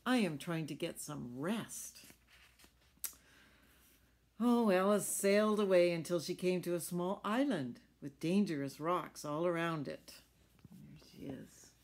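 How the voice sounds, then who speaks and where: This middle-aged woman has a low, creaky voice with a darkish tone. She reads a picture book to children in a small furnished room at home, breaking in with chatty explanations and small questions.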